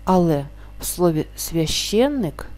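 A woman teaching a grammar lesson, stating each rule and then slowly and carefully sounding out the example words. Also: on the low side, sing-song, darkish tone.

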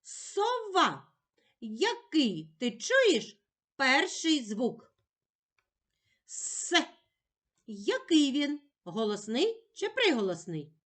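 A woman teaching a slow lesson for young children, sounding out words patiently. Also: high-pitched, huge pitch swings.

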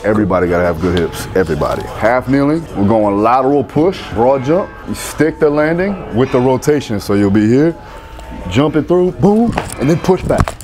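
A strength coach in his thirties calls out short, repeated commands and cheers people on during a gym workout. He has a medium-pitched, expressive voice at a moderate pace, with music filling the big indoor space.

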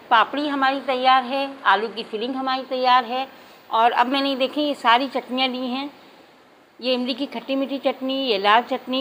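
Woman, high voice, calm instructive cooking host, faint background hiss. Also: rough recording. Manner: addresses viewers as "nazreen" again and again, calm instructive. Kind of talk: step-by-step cooking demonstration. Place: home kitchen.

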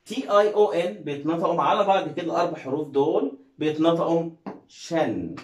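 A man's voice: on the high side, fast talker, roomy sound, poor audio. A man with an Egyptian Arabic accent teaching an English reading lesson, coaxing viewers with questions and praise. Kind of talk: classroom-style video lesson.

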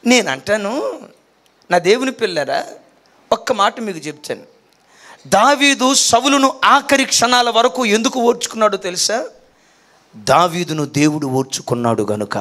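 Bright high-voiced preacher man. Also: expressive, moderate pace, pauses often. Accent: Telugu. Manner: storytelling preacher, voices quoted people, rising to shouts. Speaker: pastor. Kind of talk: sermon.

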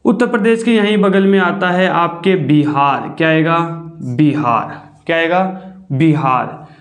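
A man's voice: high voice, normal speed, a bit bright. A man teaching a classroom lesson, asking questions and answering them himself, stretching out the key words. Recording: echoey room.

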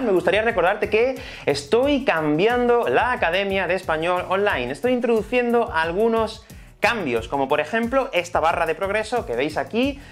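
A man with a Spain Spanish accent teaching an online Spanish lesson in a chatty, explanatory way. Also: high voice. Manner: chatty, explanatory, many fillers.

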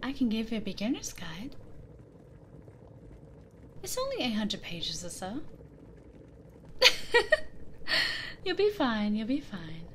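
A woman acting Lisa, a slow-talking doting witch. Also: fairly high pitch, slight background noise, exaggerated voice. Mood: teasing, doting. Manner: soft, languid, often breathy and whispery. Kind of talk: roleplay ASMR. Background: calm ambience.

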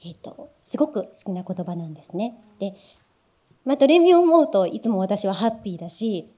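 A woman speaks from a cinema stage as a voice actor guest, mid-pitched with a mellow tone. She talks in a thoughtful, measured way. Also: very animated. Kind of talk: stage event remarks. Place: cinema stage before an audience.

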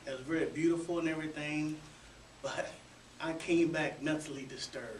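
Higher-voiced male veteran, candid and plain. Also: steady tone, moderate pace. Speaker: retired Iraq veteran panelist. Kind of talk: radio roundtable talk. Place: small radio studio. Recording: roomy, distant camera audio with faint noise.

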